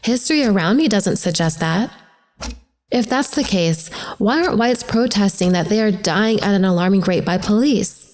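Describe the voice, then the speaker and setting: Over prominent music, an actress voices a troubled young woman's dramatic inner monologue, reflective, rhetorical and searching. Her mid-range voice is expressive and darkish, close to an everyday voice, at a moderate pace.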